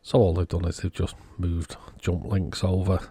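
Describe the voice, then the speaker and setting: A man giving casual, unhurried technical commentary, thinking aloud as he inspects a circuit board. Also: deep voice, flat delivery, mellow, husky, dry recording. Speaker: electronics repair vlogger.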